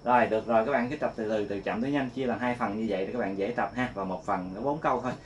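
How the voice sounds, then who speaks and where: A man giving a casual guitar lesson, singing note names slowly between quick explanations. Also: on the low side, a little hiss or hum. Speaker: guitar teacher. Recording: loud guitar playing along.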